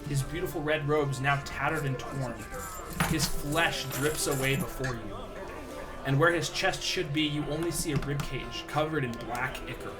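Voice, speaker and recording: A man's voice: mid-range voice, fairly even intonation, normal speed. A man acting as game master, narrating a tabletop roleplaying game and giving rulings to players. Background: music.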